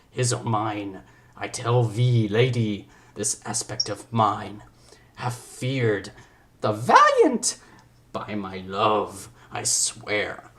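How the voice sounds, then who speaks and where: In an amateur stage reading, a man with a medium-pitched voice declaims Shakespeare grandly, playing a proud foreign prince who is wooing a lady.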